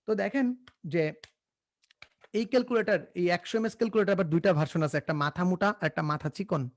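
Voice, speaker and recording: A man's voice: sits high, brisk, no room sound, studio quality. A young man from Bangladesh, teaching a live online class in a casual, joking way, often repeating himself and coaxing students to answer.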